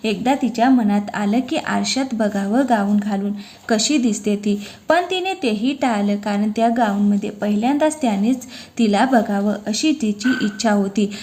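A woman reading a romantic story aloud in a gentle, expressive narration. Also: medium pitch, moderate pace, a little hiss or hum.

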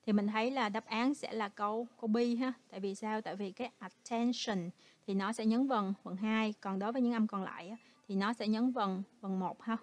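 A woman's voice: mid-range voice, steady tone, fairly quick, few pauses. A woman, a native Vietnamese speaker, who patiently walks through an English exam step by step as a teacher. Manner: patient, explains step by step, ends phrases with "ha". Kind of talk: exam walkthrough lesson.

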